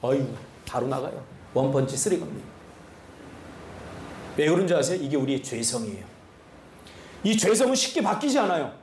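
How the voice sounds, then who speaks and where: A male pastor giving an animated sermon full of rhetorical questions to his congregation. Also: a little high, moderate pace, long pauses, roomy sound, slight background noise. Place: church sanctuary.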